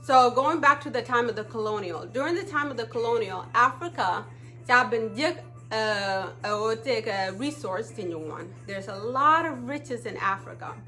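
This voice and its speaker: A woman's voice: on the high side, normal speed, pushed and bright, faint music behind. A woman from Ethiopia, hosting a casual live stream and often checking in with her viewers. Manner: chatty, often checks in with "okay?". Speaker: livestream talk show host.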